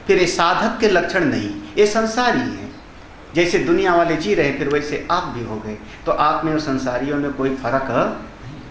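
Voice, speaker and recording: Older male swami, raised pitch, conversational sermon with chanted verses, roomy echo, faint noise. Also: animated, moderate pace, a bit bright. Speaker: swami teaching scripture. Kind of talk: Hindi discourse on Vedanta. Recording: echoey hall ambience.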